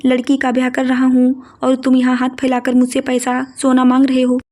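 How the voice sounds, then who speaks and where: An aging father scolding greedy relatives, read by a woman in her own high voice. The delivery is firm and even, with barely any rise or fall. It sits high and stays level throughout. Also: normal speed, natural voice. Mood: indignant. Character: stern aging father, wealthy grain merchant.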